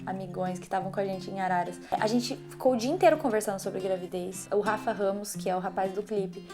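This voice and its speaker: A young woman with a Brazilian accent, telling a personal story in a casual vlog with lively, animated delivery. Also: mid-range voice, fairly quick. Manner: animated storyteller acting out quoted voices. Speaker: vlogger. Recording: music playing under the voice.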